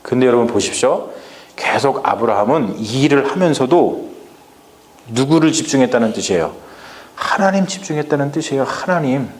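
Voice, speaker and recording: A man's voice: medium pitch, animated, normal speed. A man preaching a midweek sermon as pastor, questioning his congregation and acting out Bible lines. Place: church sanctuary. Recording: echoey church hall.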